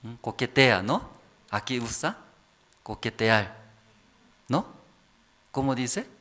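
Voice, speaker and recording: A man pastor preaching a sermon in halting, simple phrases, often checking with the congregation through rhetorical questions. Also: mid-range voice, very animated, pushed and bright.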